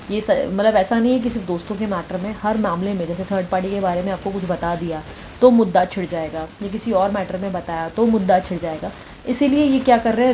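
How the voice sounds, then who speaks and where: A woman's voice: mid-range voice, a little mellow, slight background noise. A woman giving a tarot reading, talking straight to the viewer, mixing in English words and often checking in with the listener. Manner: mixes English words and phrases into her talk. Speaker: tarot reader.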